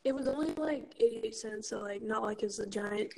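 Young female podcast co-host, highish voice, chatty slangy banter with lots of filler "like". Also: fairly quick, gravelly, over a noisy crowd. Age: young adult. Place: kitchen at home.

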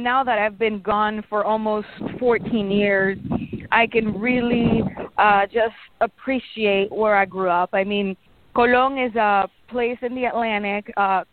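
A woman's voice: mid-range voice, unhurried, no echo. Panamanian-accented woman on a tinny line. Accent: Panamanian Spanish. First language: Spanish. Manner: friendly, chatty, frequent fillers and light laughs. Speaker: guest meteorologist. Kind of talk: radio interview. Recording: dry, tinny phone line.

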